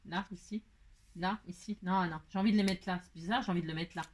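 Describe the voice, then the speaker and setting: A woman's voice: on the low side, fairly even intonation, fast. A woman hosting a casual card-making tutorial, thinking aloud and chatting to herself as she works, with affectionate goodbyes to her viewers. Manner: warm, affectionate sign-off to viewers. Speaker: card-making crafter and channel host. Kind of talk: casual crafting tutorial chat.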